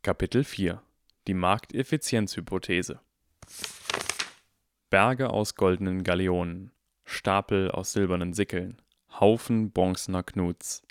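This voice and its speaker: A man reading an audiobook in calm, even, measured narration. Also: low voice, clear, resonant tone, no echo. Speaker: audiobook reader. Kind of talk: scripted narration.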